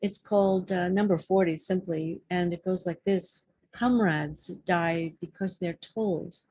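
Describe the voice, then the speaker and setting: A woman giving a poetry reading at a public library, reciting in a measured, deliberate way. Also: lowish voice, mellow, dry recording. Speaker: poetry reader.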